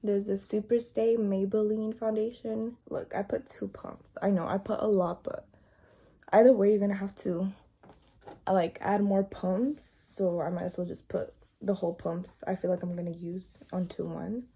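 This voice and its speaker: A young woman chatting casually through a makeup tutorial at home, talking softly and sometimes in a whisper, with a groggy morning voice. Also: mid-range voice, flat delivery, normal speed, husky. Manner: soft, hushed talk, sometimes slipping into a whisper. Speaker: beauty vlogger. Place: home, indoors. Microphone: phone front camera.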